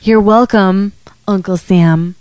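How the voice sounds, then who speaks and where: An American woman in her thirties co-hosts a podcast, bantering casually about the news in an irreverent, profane, exclamatory and giggly way, swearing plenty. Her mid-range voice is fairly even in intonation and slow, with a crowd audible behind her.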